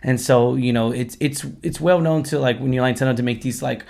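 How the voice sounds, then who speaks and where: A man with a hoarse, worn-out voice hosting a casual film review chat, effusive and repeating himself. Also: mid-range voice, brisk, darkish tone. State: hoarse, lost his voice after singing at a concert. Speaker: host of a movie review show.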